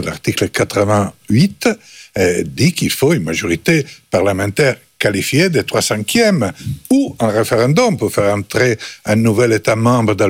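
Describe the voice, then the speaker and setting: Husky skeptical male panel guest. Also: fairly low pitch, no room sound. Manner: measured, skeptical. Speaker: guest commentator. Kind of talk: panel discussion.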